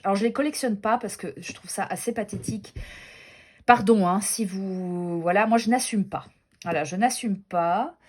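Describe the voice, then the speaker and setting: A woman's voice: mid-range voice, darkish tone, slightly rough. A woman chatting casually as she shows tarot and oracle decks, gushing and self-deprecating, with many fillers and restarts. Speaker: tarot and oracle deck reviewer. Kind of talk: casual show-and-tell chat.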